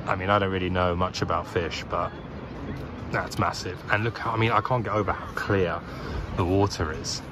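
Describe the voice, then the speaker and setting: A man in his thirties vlogs about travel and cars by lakes and while driving, holding the camera at arm's length as loud wind and road noise roar behind him. His voice is lowish, his intonation fairly even, and his pace normal, and he narrates with chatty enthusiasm full of fillers and restarts.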